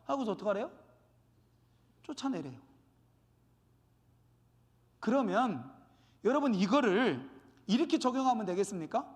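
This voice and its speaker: Lively korean-church pastor guy preaching, high voice, big echoey sanctuary. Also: moderate pace, long pauses. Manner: animated, acts out quoted dialogue. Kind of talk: sermon.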